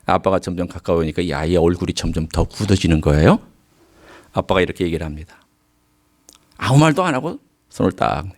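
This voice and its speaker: Lively pastor preaching a story. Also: male voice, a little fast, long pauses. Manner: storytelling preacher, voice swinging from soft low asides to high emphatic calls. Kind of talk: sermon.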